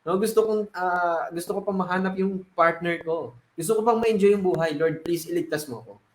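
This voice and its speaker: A stubborn man who prays desperately and snaps at anyone who tries to help, as a man acts him out. He pleads and then turns indignant. The voice sits high and sounds roomy, with a noticeable echo. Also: fairly quick, natural voice. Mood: pleading. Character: desperate praying man, stubborn, grows irritable.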